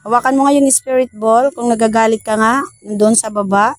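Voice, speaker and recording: A woman's voice: fairly high pitch, fairly even intonation, fairly quick, no room sound. Coaxing woman ghost-hunting at night. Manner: coaxing, pleading softly with spirits. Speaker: paranormal investigator vlogger. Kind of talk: casual ghost-hunting vlog. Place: outdoors at a bus depot at night.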